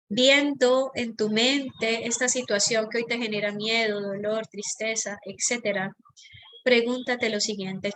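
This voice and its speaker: A woman, a mentor leading an online masterclass, calmly guiding listeners through a reflection exercise and slowing down on repeated phrases. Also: a little high. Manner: calm, slows down on repeated phrases.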